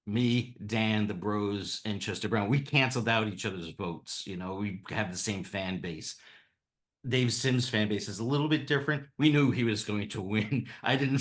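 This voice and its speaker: Middle-aged man, fairly low voice, loose chatty storyteller who laughs through his anecdotes. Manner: rambling, chuckling often, many restarts. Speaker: cartoonist guest.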